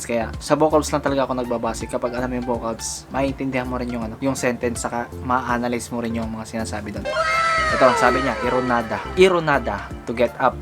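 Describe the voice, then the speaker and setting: A man from the Philippines giving a casual, chatty language tutorial, laughing and thinking aloud as he goes. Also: medium pitch.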